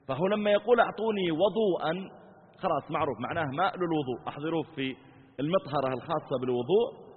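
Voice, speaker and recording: Sheikh giving a lesson, husky voice, echoey hall, sounds like a phone line. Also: male voice, a little high. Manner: explanatory, acts out questioners, repeats phrases. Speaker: sheikh teaching hadith. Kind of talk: religious lesson.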